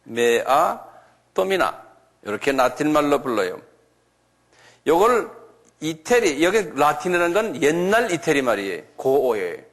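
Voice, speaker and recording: A man with a somewhat raised pitch lectures a church audience at a very slow, deliberate pace. He repeats key names again and again and keeps turning to his listeners with questions. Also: big pitch swings, fairly bright tone. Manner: spells out and repeats foreign names. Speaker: lecturer on creationism.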